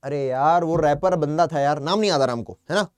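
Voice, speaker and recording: High-voiced chatty teacher with a Hindi accent. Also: male voice, a little fast, clear, resonant tone, no echo, studio quality. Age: young adult. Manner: chatty, calls students "beta", keeps asking then answering his own questions. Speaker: English vocabulary teacher. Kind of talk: online exam-prep class.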